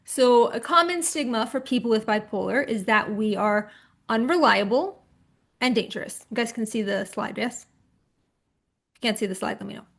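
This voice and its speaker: A woman's voice: fairly high pitch, animated, normal speed, creaky, a bit bright. A woman psychotherapist giving a conversational online presentation to a support group, checking in with her listeners as she goes. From California. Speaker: psychotherapist and author giving a talk.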